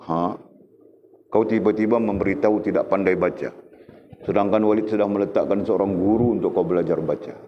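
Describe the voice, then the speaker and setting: A man's voice: on the low side, fairly even intonation, brisk, muffled recording, a little hiss or hum. A man teaching a religious lesson, sternly prodding his students to recite. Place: classroom.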